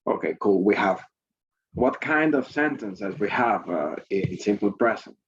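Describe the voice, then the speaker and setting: A man's voice: on the low side, animated, measured pace, highs cut off, a little hiss or hum. A male English teacher running an online class, repeating points and prompting students with questions over a video call.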